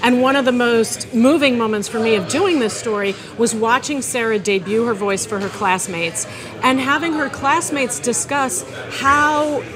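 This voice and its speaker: A woman reporter who interviews and explains in a friendly way and laughs easily. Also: fairly high pitch.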